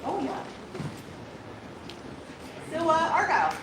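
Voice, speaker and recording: Slow and sing-song, this high-pitched Irish woman plays a new princess opening a court, mixing ceremonial remarks with casual exchange. She's warm, laughs a lot, and trips over many fillers and restarts, while crowd noise fills the echoey hall.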